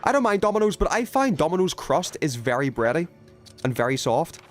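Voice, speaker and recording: Faint music sits behind this UK gamer as he talks to his viewers in a slightly high, sing-song voice at a brisk pace. The livestreamer's chat is casual but emphatic, opinionated and laced with swearing.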